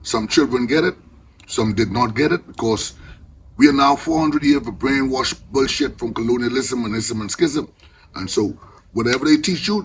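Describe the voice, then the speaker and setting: A man's voice: medium pitch, slight background noise. Caribbean elder man in Rasta speech. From the Bahamas. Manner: Rasta speech, with patois phrasing and I-and-I idiom. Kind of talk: impassioned informal reasoning.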